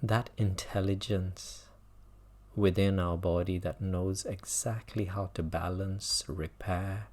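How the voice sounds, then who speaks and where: Gentle and unhurried, this man leads listeners through a mindfulness meditation as their teacher, pausing at length between phrases. He keeps a low pitch and a steady tone.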